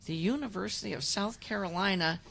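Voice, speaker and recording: Brief: woman in her fifties, sports talk host, rambling chatty storyteller, middle pitch. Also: a little fast, vocal fry, fairly bright tone. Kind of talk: casual sports talk show chat.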